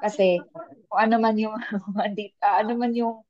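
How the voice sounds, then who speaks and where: A woman's voice: medium pitch, steady tone, normal speed. A woman, a working mother speaking thoughtfully in a casual podcast chat, mixing two languages. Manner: thoughtful, mixes Tagalog and English, many restarts. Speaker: panel guest; working mother of young kids. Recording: dull lo-fi sound.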